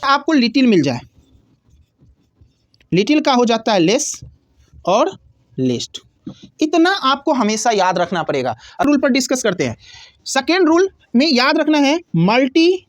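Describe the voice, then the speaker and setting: Lively high-voiced woman teaching grammar. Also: dry recording, highs cut off. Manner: asks questions and answers them herself, repeats key words slowly. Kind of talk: explaining a grammar lesson.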